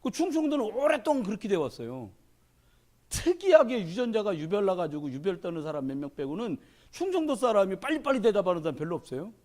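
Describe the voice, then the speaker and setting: A man's voice: high voice, quick pace. A man preaching a sermon as a pastor, folksy and humorous, acting out the voices of people he quotes. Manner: animated storyteller who acts out quoted voices.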